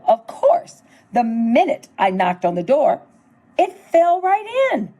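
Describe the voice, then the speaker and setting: A woman's voice: fairly high pitch, slightly rough. A middle-aged woman reading a children's storybook aloud, telling it expressively in the wolf's own words. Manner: expressive storytelling, narrating as the wolf. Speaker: school superintendent reading aloud.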